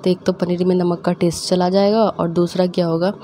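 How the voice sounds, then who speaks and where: A woman's voice: on the low side, level tone, dark tone, a little hiss or hum. A young woman, chatting casually as she cooks and tells family stories, laughing often and acting out her mother's scolding. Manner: acts out her mother's scolding in quick quoted bits. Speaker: cooking vlogger. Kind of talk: casual storytelling while cooking.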